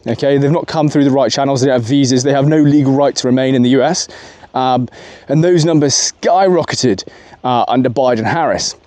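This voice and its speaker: A man's voice: mid-range voice, fairly quick, hardly any pauses, darkish tone, dry recording. A man giving a rambling, casual political opinion monologue from his car, full of fillers and asides. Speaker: political commentary vlogger.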